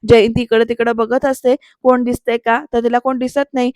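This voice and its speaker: A woman's voice: a little high, little pitch movement, a little fast, darkish tone, no echo, studio quality. A woman giving a voice-over recap of a TV serial, talking straight to her viewers. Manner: storytelling recap, addresses viewers directly. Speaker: serial reviewer.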